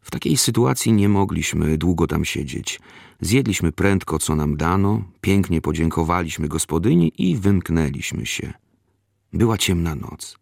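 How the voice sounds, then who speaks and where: A man reading a first-person memoir aloud in a measured, unhurried storytelling manner. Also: low-pitched, lively intonation, vocal fry, darkish tone, no room sound, studio quality. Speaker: narrator. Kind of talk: scripted memoir narration.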